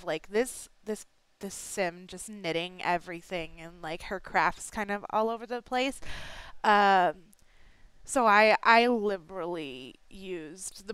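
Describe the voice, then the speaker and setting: Her nose stuffed up, a young game builder talks over a speed build in an apologetic, meandering way, packed with fillers and false starts. The medium-pitched voice is smooth and a little bright. Captured close on a home mic, the audio is dry but poor.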